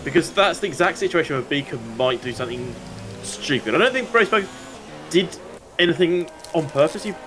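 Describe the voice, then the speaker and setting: A man commentating live on an online racing league, getting excited during close moves. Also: mid-range voice, background noise. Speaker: race commentator.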